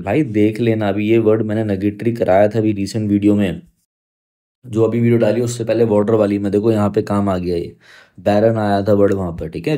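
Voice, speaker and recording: Dark-voiced man teaching vocabulary. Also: on the low side. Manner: explains in Hindi mixed with English, spells words out letter by letter; emphatic, repeats "theek hai" to check understanding. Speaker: English teacher. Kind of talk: exam-prep vocabulary lesson.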